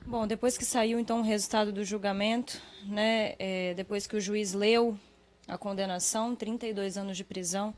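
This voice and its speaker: A woman reporter asking measured interview questions with brief hesitations. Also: medium pitch, fairly even intonation. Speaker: news reporter.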